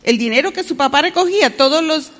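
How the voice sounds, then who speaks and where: A woman's voice: high-pitched, quick pace, in a large hall. A woman telling a story to children, often stopping to ask them questions. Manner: asks the children questions, animated.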